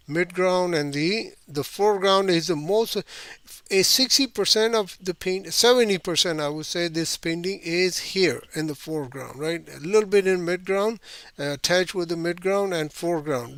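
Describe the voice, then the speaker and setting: A man's voice: fairly high pitch, fairly bright tone, no room sound. A man teaching a watercolor painting class, talking loosely through his steps with many fillers and frequent "right?" checks. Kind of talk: painting lesson demonstration.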